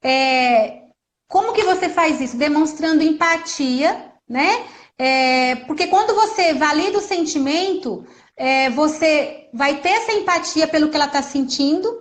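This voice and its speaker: Earnest high-voiced woman on parenting. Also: expressive, unhurried. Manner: earnest, acts out gentle mother quotes. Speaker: guest speaker on parenting. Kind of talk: casual conversation.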